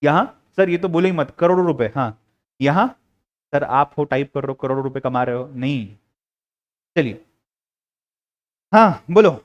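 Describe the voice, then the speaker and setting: A young man with an Indian accent runs a live classroom lecture, his voice pitched high for a man. He swings his pitch widely, playfully coaxing students to speak up and answer. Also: animated, moderate pace, long pauses, highs cut off. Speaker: teacher.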